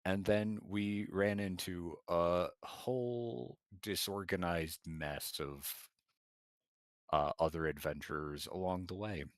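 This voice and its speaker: A man voicing a male giant adventurer who reports quietly on his week, rambling and hesitant. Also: steady tone, takes it slowly, dry recording, studio quality. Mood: reflective. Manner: low-key, rambling and hesitant.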